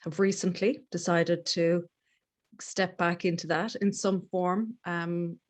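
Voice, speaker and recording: Taking her time in a fairly low, flat voice, a middle-aged life coach with a west of Ireland accent, from Galway, is interviewed as a podcast guest. She talks in an informal, candid and reflective way.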